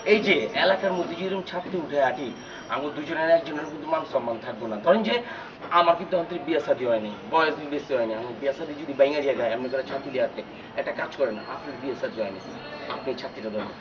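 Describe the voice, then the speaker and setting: An actor playing an eager, deferential young sidekick who speaks. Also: male voice, a little high, racing, highs cut off, background noise, close to an everyday voice. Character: fawning young male sidekick.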